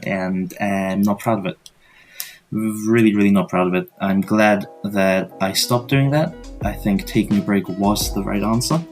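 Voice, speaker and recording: A young man with a fairly low voice talks quietly and sleepily, as if he just rolled out of bed. He rambles through a casual podcast monologue, tripping over repeated words and dropping the odd swear, with faint music behind him. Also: unhurried. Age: young adult. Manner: rambling, stuttering restarts, swearing; quiet morning voice. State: just woke up. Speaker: podcast host. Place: college dorm room.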